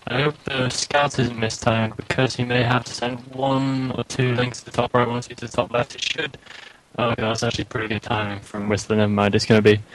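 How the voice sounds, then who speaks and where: A man co-casting a strategy game match, breaking down plays analytically, his voice coming through a glitchy, robotic-sounding call. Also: mid-range voice. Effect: robotic, glitchy voice call audio. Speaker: esports co-caster. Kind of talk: live game commentary. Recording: noisy voice call line.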